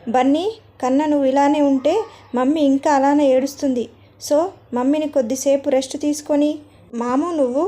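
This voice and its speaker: A cheerful, playful young aunt in a storybook tale, read by a woman. She coaxes in a high, mellow voice. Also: steady tone, moderate pace, lightly acted. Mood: coaxing.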